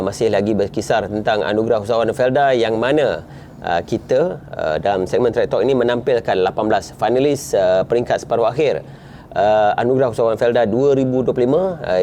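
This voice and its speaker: A man hosting a podcast interview, chatty, humming along and filling pauses with "uh". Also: mid-range voice, darkish tone, slight background noise. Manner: chatty, lots of hums and fillers. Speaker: podcast host. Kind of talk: casual interview chat.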